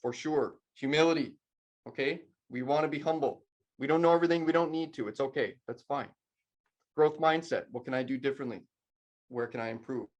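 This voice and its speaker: A man's voice: medium pitch, brisk, muffled recording. Casual man leading a mentoring workshop. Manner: casual, addresses the audience directly. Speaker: leadership trainer.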